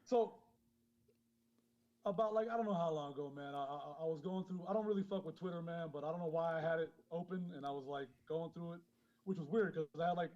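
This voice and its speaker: A man who grew up in Queens, high and chatting casually as a podcast guest, rambling, swearing a lot and laughing often. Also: fast, darkish tone. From born in Honduras, grew up in Queens, New York. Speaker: guest caller, clothing brand founder. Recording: dull lo-fi phone call.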